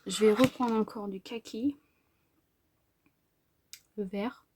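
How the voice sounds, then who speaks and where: A woman narrating a makeup tutorial in a soft, hesitant way, often dropping to a whisper. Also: mid-range voice, steady tone, slow pace, slight background noise. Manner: hesitant, many fillers. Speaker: makeup vlogger.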